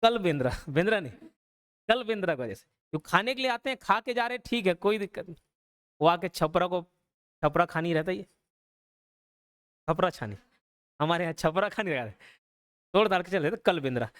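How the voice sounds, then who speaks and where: A man teaching an online exam-prep class, repeating words slowly and often checking in with "okay?". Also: high-pitched, animated, fairly bright tone. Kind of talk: explanatory lecture.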